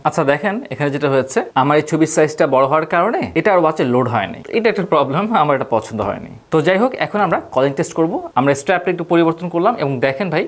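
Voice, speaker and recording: Fast-talking low-voiced woman. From Bangladesh. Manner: chatty, keeps addressing viewers directly, mixes in English words. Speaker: tech shop product reviewer. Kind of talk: casual hands-on product review.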